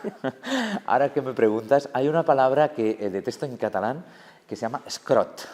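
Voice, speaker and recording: A man, a guest professor, explaining language in a relaxed interview and often checking in with his listener. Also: mid-range voice, fairly quick, in a large hall. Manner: explanatory, often ends with "¿no?", laughs easily. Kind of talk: casual interview chat. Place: museum hall.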